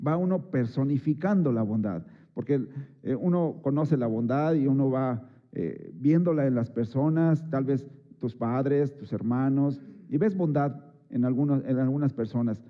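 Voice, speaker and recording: A man's voice: mid-range voice, a little slow, muffled recording. A man preaching a Sunday sermon in a chatty way, with many fillers and rhetorical asides to the congregation. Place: church service.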